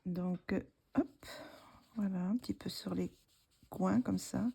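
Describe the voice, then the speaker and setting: French-accented woman, gravelly and dark, unhurried craft tutorial host. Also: mid-range voice. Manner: relaxed, hesitant, thinking aloud while working. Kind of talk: casual craft tutorial narration.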